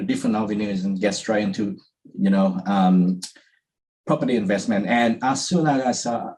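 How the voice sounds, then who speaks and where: A property investor from Vietnam, appearing as an interview guest, talks casually with many fillers and restarts. His voice is fairly low and a little mellow, and the recording quality is low.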